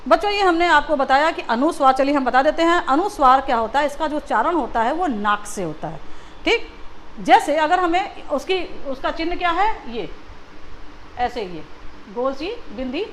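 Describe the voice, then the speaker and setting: High-voiced teacher explaining to children. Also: female voice, expressive, moderate pace, fairly bright tone, a little hiss or hum. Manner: patient, repeats questions to children. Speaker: school teacher. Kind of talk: classroom Hindi lesson.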